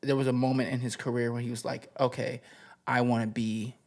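A man in his thirties with a gravelly edge and a mid-range voice, speaking as a guest in a casual interview. He reflects loosely on his music background, pausing and restarting as he thinks. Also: mid-range voice. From United States. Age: 30s. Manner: relaxed, reflective, with many fillers and restarts. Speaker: guest, rapper and poet.

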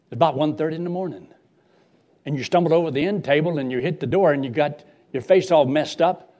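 Man voicing an earnest, fast-talking young son. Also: on the high side, dark tone, natural voice. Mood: earnest, hurried. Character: young son earnestly recounting his drunken father's antics.

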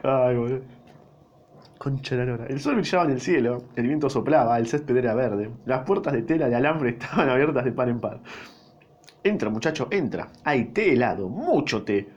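A man's voice: mid-range voice, fairly quick, darkish tone, lo-fi sound. A young man with a Rioplatense accent reading a novel aloud, breaking off often for crude, swearing jokes and bursts of laughter. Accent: Rioplatense Spanish. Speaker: reader.

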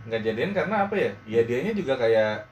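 A man's voice: medium pitch, big pitch swings, brisk, roomy sound, a little hiss or hum. A man chatting casually with friends, telling stories and swearing offhandedly. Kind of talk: casual chat among friends.

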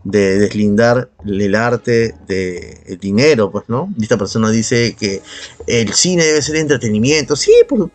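A fairly low, darkish voice at a measured pace belongs to a Peruvian man co-hosting a casual podcast. Argumentative and sarcastic, he swears freely while giving opinions, and background music sits under his voice.

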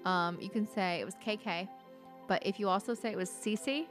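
A woman hosts a casual podcast chat, bubbly and quick to laugh. Her pitch sits mid-range. Faint music plays underneath. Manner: giggly, bubbly, laughs often. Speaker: podcast host.

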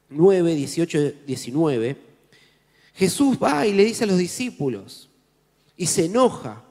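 A man with a Rioplatense Spanish accent, preaching a sermon as pastor in an animated, conversational way with jokes. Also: sits high. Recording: echoey hall with faint music.

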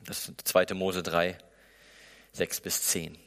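A man's voice: low voice, flat delivery, takes it slowly, a bit bright. A man preaching a sermon in German in a conversational way, often slipping into the inner voices of the people he describes. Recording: echoey hall with long reverb.

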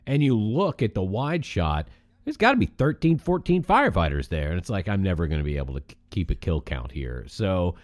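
A man with a lowish voice talks casually as a podcast co-host. He tells things emphatically, his pitch rising and falling a lot. The sound is dry and close. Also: sing-song, fairly quick, dry recording. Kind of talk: casual chat.

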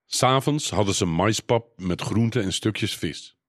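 Low-voiced male storybook narrator. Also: measured pace, a bit bright, no room sound, studio quality.

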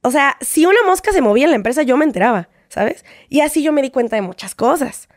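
A woman with a Mexican accent, a guest telling a personal story in casual chat, animated and often acting out what people said. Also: high-pitched, fast, dry recording, clean studio sound. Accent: Mexican Spanish. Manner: animated, acts out quoted exchanges, frequent tag questions.

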